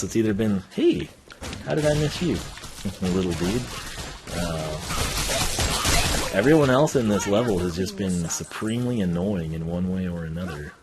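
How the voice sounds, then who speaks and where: A man's voice: on the low side, noisy background. A man giving casual, rambling live game commentary as a streamer, thinking aloud in slangy speech.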